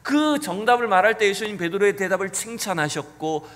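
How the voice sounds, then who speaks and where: A man's voice: sits high, expressive, fairly quick, fairly bright tone. A male pastor preaching a sermon earnestly, asking the congregation rhetorical questions. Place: church sanctuary. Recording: church hall with long reverb.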